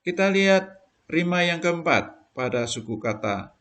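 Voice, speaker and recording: A man's voice: fairly high pitch, lively intonation, a little slow, fairly bright tone. A male primary school teacher giving a recorded lesson, explaining patiently step by step to children.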